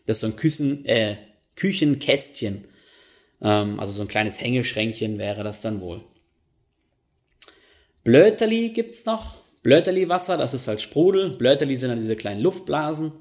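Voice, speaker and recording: A man talks through his podcast in a relaxed, rambling way. He often pauses with fillers and corrects himself as he goes. His voice sits at a middle pitch. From Germany. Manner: chatty, many fillers and self-corrections. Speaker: podcast host. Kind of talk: casual monologue.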